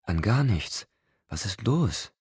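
A man voicing a tender, excited young pregnant woman in an audiobook, with a soft, emotional delivery. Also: fairly low pitch, takes it slowly, slightly rough, no echo, clean studio sound, pitched above the performer's own voice, full character voice. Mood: puzzled.

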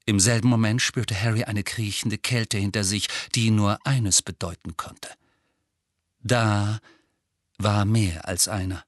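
A man narrating an audiobook in an expressive, suspenseful style, slowing down at tense moments. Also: fairly low pitch, no echo, studio quality. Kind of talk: dramatic scripted narration.

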